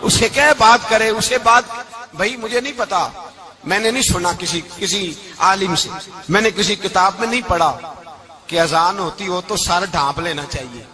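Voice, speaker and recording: High-pitched impassioned preacher. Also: male voice. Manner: impassioned, swings from soft storytelling to shouts; chants verses in a slow sung tone. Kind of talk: religious sermon. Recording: live event with audible crowd. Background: audience crowd.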